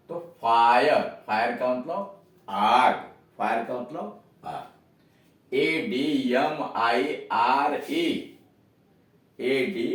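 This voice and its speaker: A male teacher works through English words at a very slow, careful pace, spelling each one out letter by letter and then saying it again with its meaning. His voice sounds distant from the mic and rings in a heavily echoing room. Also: mid-range voice. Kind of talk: slow spelling-out pronunciation lesson. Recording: very echoey room, voice from far off.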